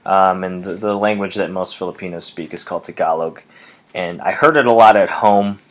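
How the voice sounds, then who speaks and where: A young man from Wisconsin reading out questions and answering them casually, with many pauses, ums and restarts. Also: low-pitched. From Wisconsin, USA. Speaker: language student answering questions.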